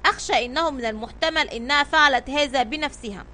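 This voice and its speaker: A woman's voice: high voice, fast, bright, forceful tone. A woman voicing a brave male sea captain in a storybook, speaking with tense command.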